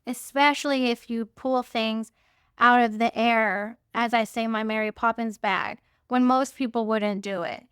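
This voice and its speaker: A middle-aged woman speaks frankly and emphatically, recounting her own work experiences in a candid monologue. Her voice sits fairly high and sounds smooth and resonant. The recording is dry and close, with no room sound. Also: a bit bright, no echo. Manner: frank and emphatic, speeds up when recounting events. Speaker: hair and makeup artist sharing career advice.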